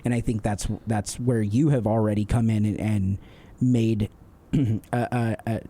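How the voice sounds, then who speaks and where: Mellow-voiced man hosting a podcast. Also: lowish voice, fairly even intonation, measured pace. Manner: friendly, affirming, rambling asides. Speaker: podcast host. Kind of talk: casual interview chat.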